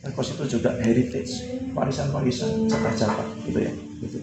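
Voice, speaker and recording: A man's voice: mid-range voice, sing-song, brisk. A man preaching a sermon as pastor, in an easygoing, conversational way, often tagging his sentences with "gitu ya". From Indonesia. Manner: conversational, repeats "gitu ya" a lot. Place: church hall. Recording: roomy hall with music behind.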